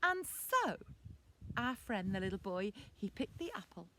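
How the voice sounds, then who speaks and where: Slow, lively woman storyteller. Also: mid-range voice, background noise. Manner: lively, interactive, asks children questions. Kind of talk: children's story time.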